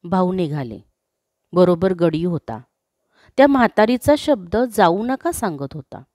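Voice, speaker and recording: Slow, expressive woman storyteller. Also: lowish voice, dry recording, studio quality. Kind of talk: scripted narration of a classic story.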